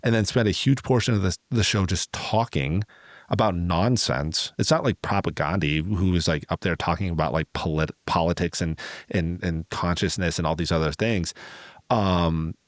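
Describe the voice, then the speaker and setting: A low-voiced man tells stories casually as a podcast co-host, drifting into quoted remarks in a loose, chatty way at a moderate pace. The recording is dry and close, with no room sound.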